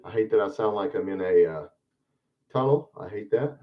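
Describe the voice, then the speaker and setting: A man's voice: on the low side, expressive, moderate pace. A man hosting a live stream, chatting casually through a headset mic that makes him sound hollow, as if in a tunnel. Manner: rambling, troubleshooting aloud. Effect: hollow echoing tunnel sound from a faulty mic. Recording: muffled, distant, dull headset audio.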